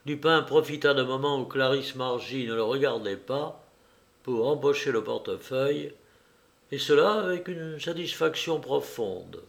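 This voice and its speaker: A man narrating a classic novel as an audiobook, in a steady, measured storytelling manner. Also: mid-range voice, vocal fry.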